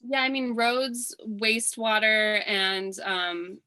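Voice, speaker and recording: A woman from Hawaii running for office, answering forum questions earnestly, with many pauses, fillers and restarts. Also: on the high side, little pitch movement, pushed and bright, poor audio. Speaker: political candidate. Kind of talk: candidate forum interview answers.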